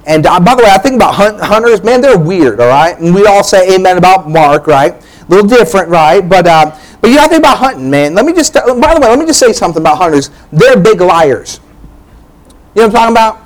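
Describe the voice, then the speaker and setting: A man preaching a sermon as pastor, energetic and playful, teasing the congregation and checking in with "all right?". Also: high-pitched, fast, poor audio. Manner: energetic, joking preacher who keeps asking "all right?".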